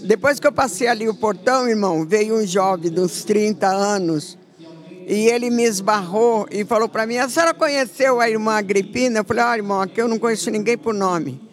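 A woman's voice: mid-range voice, brisk. An older woman telling an earnest church testimony as a member, recounting events and quoting herself. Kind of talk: spoken testimony.

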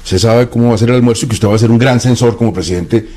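A man interviewing a guest, brisk and probing, often cutting in with short questions. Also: mid-range voice, mellow.

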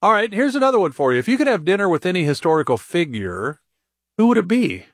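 A man hosting a radio talk show, asking his guest upbeat rapid questions and reading out a phone number. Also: high-pitched, sing-song, no echo, studio quality.

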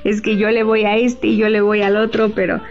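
A woman's voice: medium pitch, little pitch movement, brisk, muffled recording. A woman hosting an interview, friendly and jokey, often chiming in with short affirmations. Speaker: host. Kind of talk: casual interview talk.

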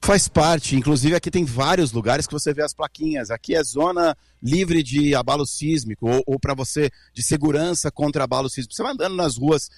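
A man's voice: a little high, fairly quick, hardly any pauses, dry recording. A male correspondent explaining a news event precisely in a live report.

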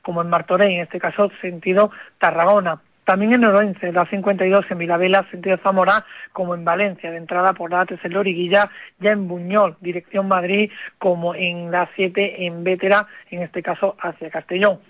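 A man's voice: high voice, little pitch movement, fairly quick, dry recording. A man giving a live radio traffic report, steadily listing road incidents. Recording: tinny phone line.

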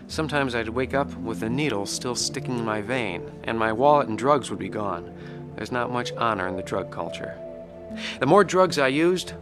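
A man's voice: mid-range voice, natural voice. Male narrator, troubled veteran ex-addict played by a man, earnest first-person radio drama, music behind. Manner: earnest, reflective. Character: troubled Vietnam veteran heroin addict telling his story. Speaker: narrator and lead actor.

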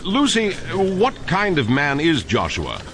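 Serious dramatic newsroom anchor in a kids radio play, slightly high voice. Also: male voice, huge pitch swings, background noise, exaggerated voice. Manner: brisk, dramatic, polished. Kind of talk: mock newscast in children's radio drama.

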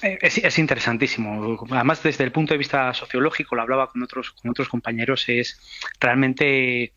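Bright-voiced man on a muffled line. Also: mid-range voice, no echo. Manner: thoughtful, measured, with hesitations. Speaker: sociologist guest. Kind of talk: radio interview commentary.

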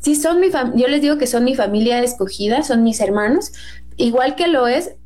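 Chatty Mexican woman, higher voice. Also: animated, moderate pace, a little mellow. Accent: Mexican Spanish. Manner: chatty, acts out quotes in a raised voice. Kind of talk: casual Bible discussion.

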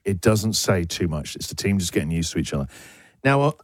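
A man hosting a radio breakfast show in a studio, talking with energy and enthusiasm, his voice jumping up when he gets excited. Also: low voice, brisk, no echo. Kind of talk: lively radio banter. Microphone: studio broadcast mic.

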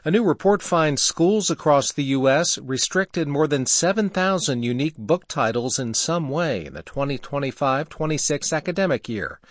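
A man reading a radio newscast in a steady, measured way. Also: a little high, no room sound.

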